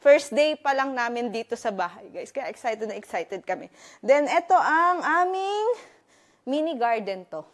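Excited chatty woman on a house tour. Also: on the high side, measured pace. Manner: excited, chatty, filler-heavy, switching between Tagalog and English. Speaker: vlogger giving a house tour. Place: indoors, walking through a new house.

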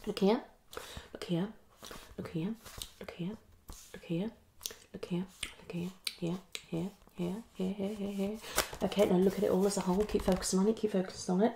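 This ASMR psychologist roleplay comes from a woman roughly in her thirties in a small indoor living room, and it's fast and unpredictable as she mutters, repeats herself, and alternates whispers with speech. Her mid-range voice is gravelly, holding a steady tone at a moderate pace with frequent pauses. The background is noisy.

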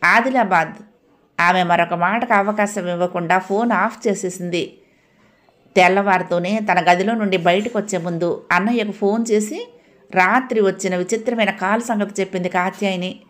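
A woman narrating a family audio novel in a steady, expressive storytelling manner. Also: mid-range voice, normal speed.

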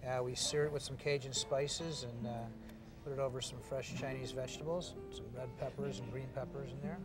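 Over loud music, a middle-aged man who manages a restaurant gives an easygoing on-camera interview about his place, delivering a host-style pitch packed with fillers. His intonation is fairly even and his pace a little fast, set in the restaurant's bar and dining room.

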